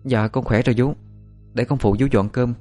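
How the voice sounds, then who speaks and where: A man's voice: mid-range voice, fairly even intonation, moderate pace, warm tone, soft background music, pitched above the performer's own voice, close to an everyday voice. A man voicing a wronged young female servant who talks in an earnest, pleading, sometimes firm way. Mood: timid earnest.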